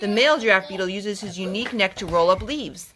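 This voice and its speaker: A woman who is a mother does a storytime for kids, reading, chatting and singing while asking questions and echoing the child's answers. Her voice is medium-pitched and quick, with background noise present.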